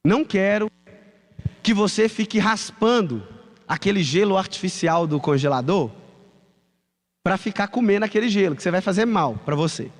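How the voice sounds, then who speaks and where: A worried middle-aged mother scolding her son, as a preacher puts her on, her voice jumping up high and shrill. The sound rings out with long reverb through a church hall. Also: animated, moderate pace, pauses often. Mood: warning.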